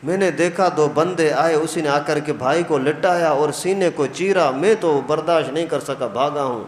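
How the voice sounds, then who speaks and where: A man's voice: a little high, close to an everyday voice. A man voicing a young boy who pleads insistently, heard in an echoey hall. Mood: frightened. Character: young boy eager to follow his sister. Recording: echoey hall, faint noise.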